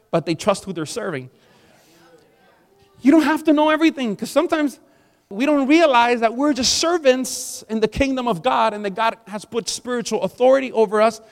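Forties guy preaching, pretty high voice, big hall echo, gets loud and punchy on key bits. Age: 40s. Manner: conversational preaching with rising emphatic peaks. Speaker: pastor. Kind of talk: sermon. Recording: long hall reverb.

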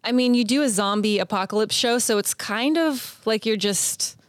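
A woman's voice: a little high, normal speed, clean tone, no room sound. Chatty woman hosting, dry close sound. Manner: informal, chatty. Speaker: talk show host. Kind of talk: casual interview chat.

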